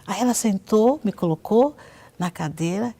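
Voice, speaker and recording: A woman's voice: medium pitch, animated, normal speed, warm tone. A woman with a Brazilian Portuguese accent giving a personal testimony in a TV interview, telling her story and acting out the voices of others in it.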